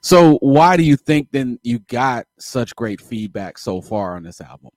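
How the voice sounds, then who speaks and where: A man hosting a casual chat, an animated storyteller who keeps laughing and acting out what others said. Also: mid-range voice, unhurried, no echo, studio quality.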